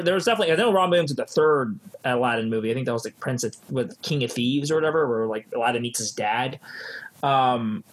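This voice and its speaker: Guy on a review podcast, husky-ish voice, casual, wanders and stumbles around his point. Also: mid-range voice, a bit bright. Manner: rambling, hesitant. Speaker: podcast co-host. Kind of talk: casual chat reviewing a show.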